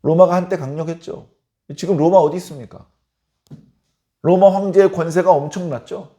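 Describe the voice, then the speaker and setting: A man's voice: fairly high pitch, fairly even intonation, normal speed, warm tone. A middle-aged man, a pastor, preaching a sermon in an emphatic voice and asking rhetorical questions.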